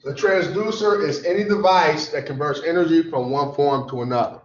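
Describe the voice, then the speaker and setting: A tired, sleepy man teaching a lecture class, repeating definitions slowly so students can write them down. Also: on the high side. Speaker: college instructor. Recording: echoey classroom, dull lo-fi sound.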